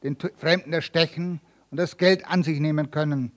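A man's voice: fairly high pitch, steady tone, moderate pace, lightly acted. A man reading as a formal court assessor. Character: formal male court assessor acting as defender.

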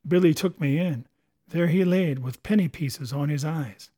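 A man voicing a rough, superstitious male pirate sailor in coarse sailor dialect. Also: a little high, a little slow, mellow. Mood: grim.

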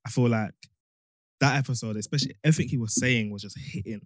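A man's voice: medium pitch, fast talker, dry recording. Young London man, roadman accent, dry sound. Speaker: podcast co-host. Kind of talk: casual podcast chat.

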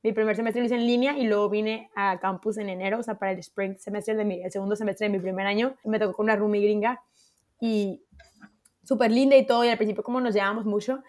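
A young woman co-hosting a podcast, telling a roommate story in a casual, animated way and acting out her own quotes. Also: medium pitch, fast talker. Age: young adult. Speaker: podcast co-host.

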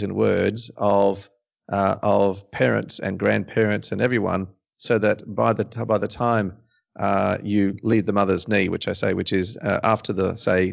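A man co-hosting a podcast, explaining ideas in deliberate, halting phrases. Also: lowish voice, creaky. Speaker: podcast co-host.

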